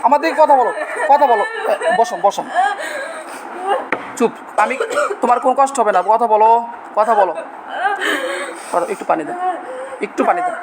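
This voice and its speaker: High-voiced man coaxing and shouting prayers. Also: lively intonation, normal speed, long pauses, a loud crowd, low-quality recording. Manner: coaxing then shouting threats and Arabic prayers. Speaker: exorcist healer. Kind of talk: exorcism ritual, coaxing and reciting. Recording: loud background noise, live room.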